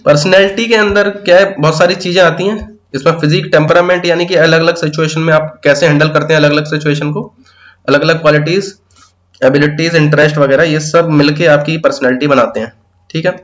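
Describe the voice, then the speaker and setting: A man's voice: fairly high pitch, steady tone, a little fast, fairly bright tone. A man teaching an exam-prep pedagogy lesson, explaining step by step in mixed with terms and often checking in with "theek hai".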